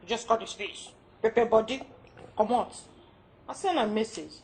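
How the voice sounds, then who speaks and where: A woman with a Nigerian accent playing a fed-up young wife in a film drama. She is loud, animated and laughs often. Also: on the high side, normal speed, noisy background, natural voice. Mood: mocking. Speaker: film actor.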